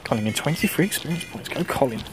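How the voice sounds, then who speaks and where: A man's voice: mid-range voice, animated, quick pace, background noise. A man with a mild Essex English accent giving casual, rambling game commentary, chattily talking to himself as he plays. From Essex, England. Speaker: host of a gaming series. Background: music.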